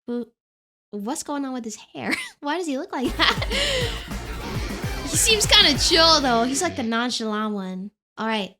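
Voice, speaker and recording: A woman VTuber giving excited, casual reaction commentary, exclamatory and easily amazed. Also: high voice, a little slow. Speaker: VTuber reacting to anime openings. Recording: music playing behind the voice. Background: anime theme songs.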